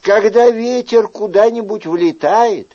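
A man reading an audiobook, voicing a sarcastic, quick-witted man who mocks with ironic reasoning. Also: high-pitched, mellow, highs cut off, voice pushed up. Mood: indignant, mocking.

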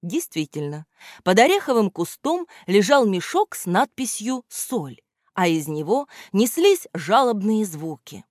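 A woman narrates a children's storybook with lively, expressive reading. Her pitch moves a lot, and the recording is dry and close to the mic. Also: unhurried, no room sound.

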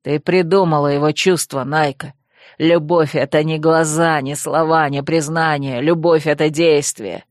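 A woman voicing a passionate young male werewolf in an audiobook, pleading with a low, growling voice. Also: fairly even intonation, moderate pace, no echo, clean studio sound, lightly acted. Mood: bitter. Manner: heated, pleading, bitter. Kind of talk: audiobook character voice.

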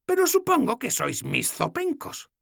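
Man doing a gruff old goddess, scolding. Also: very high voice, wildly swooping pitch, measured pace, fairly bright tone, dry recording, studio quality, pitched above the performer's own voice, exaggerated voice. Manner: scolding, blunt. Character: stern old woman goddess, gruff and mocking. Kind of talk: audiobook character voice.

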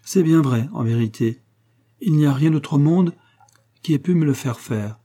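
An affected middle-aged widow from a storybook reading, gushing and tearful, her voice raised well above the speaker's own. A man with a husky, mellow tone acts her out. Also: a little high, moderate pace, voice pushed up, natural voice. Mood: earnest. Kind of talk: audiobook character reading.

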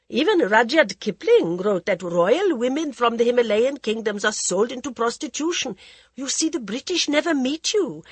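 A grand, worldly older society lady holds court in a storybook, drawling and theatrical, put on by a woman reading aloud. Her voice is husky and a touch higher and louder than plain narration, swooping with lively, arch inflection, recorded close and dry. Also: dry recording. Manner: theatrical, languid drawl, calls everyone darling.

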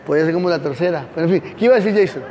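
A man with a notably high speaking voice leads a teaching sermon, poking fun at the story as he tells it. He calls on listeners by name, and his voice rings out with a long reverb across a large hall. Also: racing, a crowd in the background. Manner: sarcastic, playful, quizzes listeners by name. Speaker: pastor.

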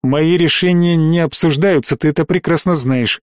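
Stern, weary colonel on a warship, clipped commands, read by a man, slightly high voice, dry. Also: moderate pace, no room sound, lightly acted. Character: stern weary middle-aged male space colonel.

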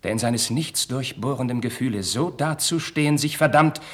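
An actor gives a scornful turn as a proud, impassioned young Spanish crown prince in a German radio play from the 1950s. His male voice is mid-range, natural and slightly husky, at normal speed, with declamatory, theatrical diction.

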